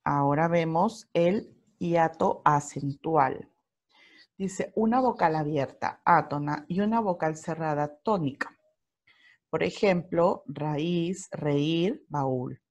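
A Peruvian woman teacher giving a recorded grammar lesson to primary school children. She speaks slowly and deliberately in a fairly low voice, pausing over each example word. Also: a little mellow. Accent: Peruvian Spanish. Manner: slow, careful explanation with spelled-out examples.

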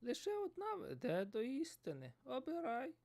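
A man voicing an old, wise male sage who speaks softly and solemnly. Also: very high-pitched, wildly swooping pitch, moderate pace, creaky, voice pushed up, full character voice. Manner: soft, solemn.

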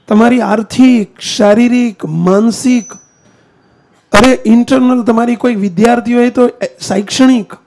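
A man delivers a sermon, pitched high with a gravelly edge to his voice. He speaks straight to his listeners, throwing them questions and challenges as he preaches. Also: a little mellow. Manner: addresses the congregation directly with questions and challenges. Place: temple hall.

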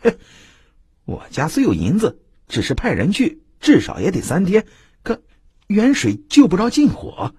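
A man's voice: high voice, wildly swooping pitch, moderate pace, pauses often, warm tone, husky, no echo, pitched above the performer's own voice, exaggerated voice. A man doing a hot-tempered indignant patron.

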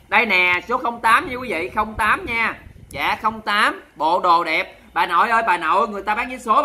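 Hosting a charity livestream, this high-pitched man from the Mekong Delta talks rapidly in a very bright, sharp voice with a Southern Vietnamese accent. He's sassy and theatrical, scolding his viewers as a joke.

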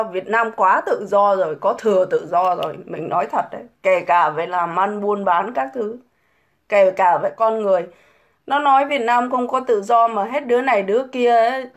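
A middle-aged woman ranting scornfully on a casual livestream, full of mocking rhetorical questions. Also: mid-range voice. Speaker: livestream host.

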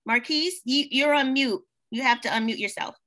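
A woman's voice: sits high, moderate pace, pushed and bright. A woman hosting a virtual event, introducing performers with encouraging remarks over a video call. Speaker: event host.

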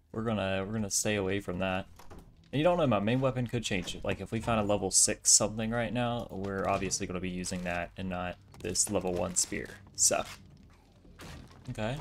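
A man's voice: fairly low pitch, slight background noise. A man giving casual, chatty commentary while playing a survival game, joking at himself as he loots. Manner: chatty, self-mocking, talks to himself while looting.

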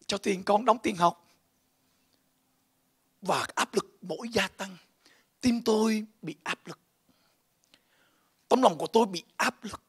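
Pastor guy preaching, husky voice, goes quiet then loud. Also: sits high. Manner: emotional testimony, swings from hushed to shouting. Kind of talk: sermon.

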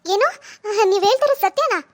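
A woman's voice: extremely high pitch, fairly even intonation, fast, darkish tone. A woman voicing a heartbroken young wife in a cartoon, tearful and resigned. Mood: shocked. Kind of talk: animated cartoon dialogue.

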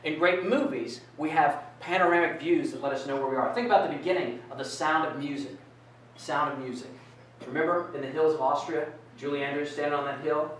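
Brisk and a little high-pitched, a middle-aged man gives an interactive keynote in an indoor conference room with a projector screen, animatedly asking the audience questions. The only recording comes from a distant camera with no mic, producing an echoey room sound and slight hiss or hum.

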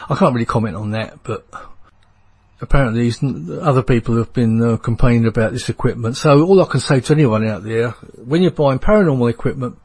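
Hosting a radio show, an English man with a London accent chats casually, wandering along with plenty of fillers. He has a medium-pitched, darkish voice with a breathy edge.

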